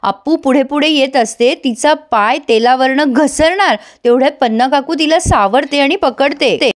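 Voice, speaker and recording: High-voiced woman retelling a TV episode. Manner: brisk storytelling, voicing each character. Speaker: TV serial reviewer.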